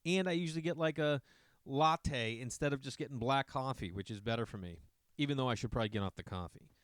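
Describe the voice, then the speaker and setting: A middle-aged man from Massachusetts hosts a podcast, rambling through a casual monologue full of profane asides to his listeners. His medium-pitched voice comes fast, with a clean tone and clean studio sound with no room noise.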